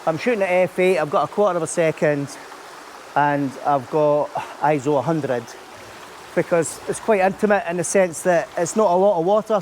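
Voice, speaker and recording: The Scottish YouTuber, a landscape photographer, talks casually and explains his steps while filming outdoors at a stream under a bridge. He has a high, darkish voice, and a little hiss or hum can be heard.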